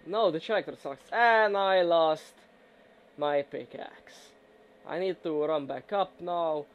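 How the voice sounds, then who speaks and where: A man's voice: a little high, slow pace, dull audio. A young man chatting casually and teasing his friend while they play a co-op game. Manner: teasing, joking. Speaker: gamer. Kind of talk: casual co-op gameplay chat.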